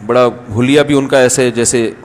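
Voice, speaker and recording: A man's voice: mid-range voice, fairly even intonation, a little hiss or hum. Guy preacher chatting through stories, acts out the other people, lots of hall reverb. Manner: conversational, anecdotal, acts out voices in stories. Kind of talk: storytelling religious talk.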